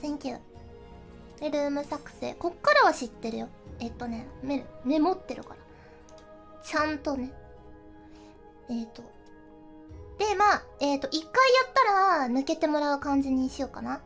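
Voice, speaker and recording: A woman streaming a fighting game, chatting casually, often laughing and yelping excitedly as she plays, with game music behind her. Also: sits high, normal speed, gravelly, pauses often. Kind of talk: casual game livestream chat.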